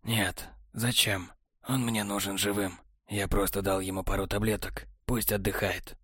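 A man doing a quiet sneering traitor. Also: flat delivery, unhurried, breathy edge, dry recording, heavily acted. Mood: contemptuous. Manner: low, hushed, sneering delivery. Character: cold scornful male traitor, quiet and contemptuous.

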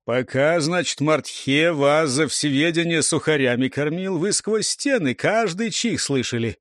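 A man's voice: fairly high pitch, measured pace, fairly bright tone, no echo, studio quality. A man voicing a stern old scolding warrior. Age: older. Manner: scolding, interrogating. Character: stern old male warrior, sharp-tongued. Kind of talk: audiobook character voice.

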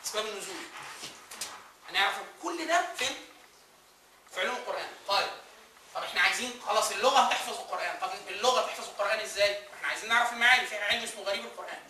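Animated and rapid-fire, a man lectures a class in a high, bright, forceful voice marked by an Egyptian Arabic accent. He fires questions at the students and answers them himself, heard from a distance in an echoey room with slight background noise.

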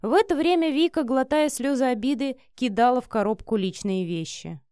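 A woman's voice: high voice, fairly quick, dark tone, smooth, no echo. Woman narrating an audiobook, dry close sound.

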